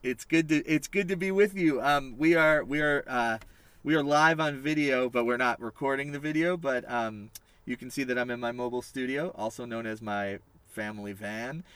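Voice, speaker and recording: A man's voice: mid-range voice, moderate pace, fairly bright tone, clear, resonant tone, dry recording. A man hosting a podcast interview from his family van, chatty and upbeat with a rambling way of talking. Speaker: podcast host.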